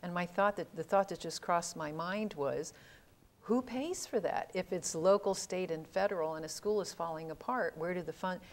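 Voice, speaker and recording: An older woman hosts a television panel, her voice sitting very low in pitch. She thinks out loud, interjects with short reactions, and sounds close and clean through a lapel mic in a studio. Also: moderate pace. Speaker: host. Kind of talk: panel discussion. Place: TV studio set.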